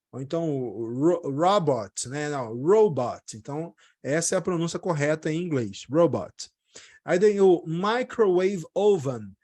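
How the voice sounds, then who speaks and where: A Brazilian Portuguese-speaking man teaching English vocabulary in a casual spoken lesson, talking fast in Portuguese and then saying each English word slowly and repeating it. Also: a little high, darkish tone. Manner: explains in Portuguese, says English words slowly and repeats them.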